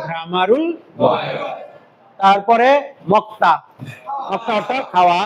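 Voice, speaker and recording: A man's voice: high-pitched, slow, muffled recording, crowd noise. A man teaching a grammar lesson to a classroom, drilling students with repeated questions and example sentences. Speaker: Korean language teacher.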